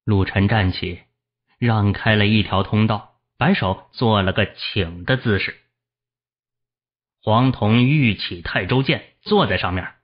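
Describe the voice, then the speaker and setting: A man narrating a fantasy novel audiobook in a steady storytelling voice and voicing its characters. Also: lowish voice, breathy edge. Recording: dull lo-fi audio.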